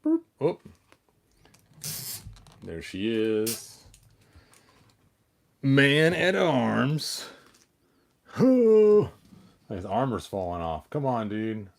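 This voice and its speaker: He speaks extremely slowly in a gravelly, medium-pitched voice that is very animated and broken by frequent pauses. As host of a story-time video, the toy collector chats casually and playfully over his action figures, often muttering to himself.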